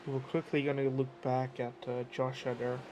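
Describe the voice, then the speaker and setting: A man's voice: medium pitch, flat delivery, moderate pace. A man co-commentating a sim race live, adding analytical details about gaps and pit stops. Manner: analytical, adds reference details. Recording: loud engine noise on stream. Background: race car engine noise.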